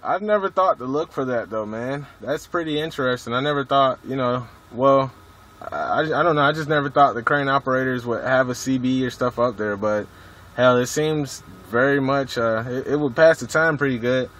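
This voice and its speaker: A CB radio hobbyist films himself chatting over two-way radio from inside a vehicle at a truck stop, his talk slangy, profane and full of jargon. His mid-range voice moves at normal speed with a fairly bright tone. The mobile recording is noisy.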